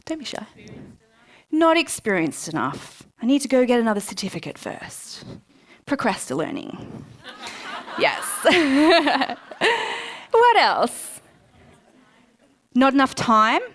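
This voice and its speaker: A woman's voice: sits high, slow pace, long pauses. A woman speaking live to an audience at a book launch, chatty and self-mocking, acting out her own past thoughts. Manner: lively, chatty, self-mocking, quotes herself in asides. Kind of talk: live motivational talk to an audience. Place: event room before a live audience.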